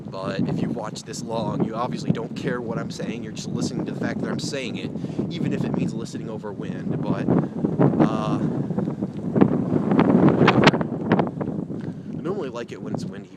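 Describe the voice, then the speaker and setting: A man's voice: fairly low pitch, normal speed, pauses often. A young man vlogging outdoors in cold wind, rambling in a hesitant, self-deprecating way with many fillers. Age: young adult. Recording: loud wind noise on the mic. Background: heavy wind noise.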